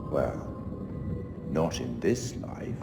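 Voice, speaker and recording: An actor playing a sinister, refined gentleman who hosts horror tales in a video game, speaking in a measured, ominous and wryly courteous theatrical manner. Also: very deep voice, big pitch swings, creaky, full character voice. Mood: ominous, grave. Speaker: narrator host addressing the player. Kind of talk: theatrical scripted monologue, literary quotations. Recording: echoing hall reverb, music behind.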